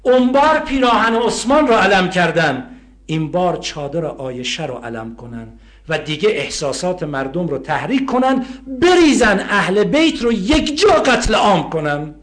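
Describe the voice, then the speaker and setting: A man preaching a sermon, swinging from loud impassioned outcries to hushed storytelling. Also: high-pitched, sing-song.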